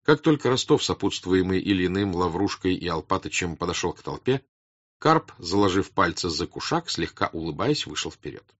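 A man narrating a classic novel as an audiobook in a measured, expressive reading. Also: low voice, dry recording. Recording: dull lo-fi dry audiobook recording.

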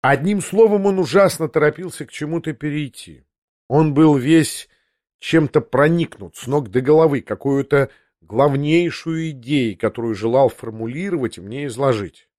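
A man narrating a classic novel in the first person, with a measured, literary reading. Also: on the high side, darkish tone, no echo, studio quality. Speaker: audiobook narrator.

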